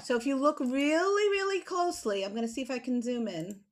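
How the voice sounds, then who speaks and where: Heard through a computer microphone on a video call, this middle-aged American woman speaks in a high-pitched, slightly quick voice. As a guest children's author and illustrator, she talks casually and encouragingly to children, explaining things from a small indoor home room with a bookshelf.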